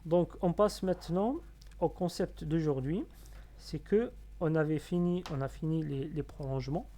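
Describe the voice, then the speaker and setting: A man with a warm, somewhat high voice leads a reading lesson one step at a time. He patiently sounds out syllables slowly and repeats them.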